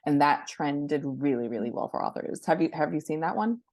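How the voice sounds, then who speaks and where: In studio-quality audio with no room sound, a woman with a low, darkish, expressive voice talks a little fast. She's an interview's guest expert from book publishing who is also an influencer. Working at a laptop by a window indoors, she explains things conversationally through practical examples and step-by-step advice.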